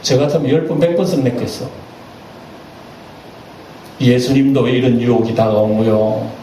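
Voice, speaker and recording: A male pastor preaching a sermon, animated and acting out voices as he goes. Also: mid-range voice, normal speed. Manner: animated, acts out quoted voices. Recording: echoey church hall, distant mic, faint noise.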